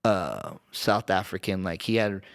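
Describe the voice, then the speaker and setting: A man's voice: low-pitched, sing-song, measured pace, gravelly, a bit bright. A man from Southern California, a podcast guest, telling casual stories in a rambling, slangy way with lots of fillers and restarts. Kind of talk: casual storytelling.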